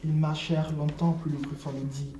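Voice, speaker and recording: A narrator telling a children's story in a calm, measured manner. The voice is very dark and mellow at a middle pitch. It sounds distant and roomy, with faint noise in the background.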